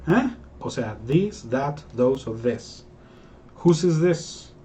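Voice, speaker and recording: A man's voice: fairly high pitch, lively intonation, drawn-out words, mellow, a little hiss or hum. Playful man teaching English. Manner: playful, jokes and acts out quoted voices. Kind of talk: casual video lesson.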